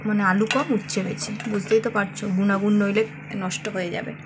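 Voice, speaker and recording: A woman's voice: medium pitch, little pitch movement, brisk, background noise. A woman in her thirties, chatting casually to her viewers as she records a home vlog. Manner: chatty, talks straight to viewers. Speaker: family vlogger.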